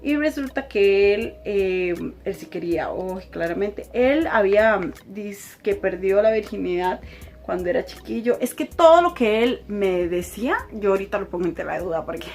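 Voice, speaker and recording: A young woman with a Costa Rican accent telling a personal story in a chatty, animated way, laughing often. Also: medium pitch. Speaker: vlogger. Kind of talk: casual storytime.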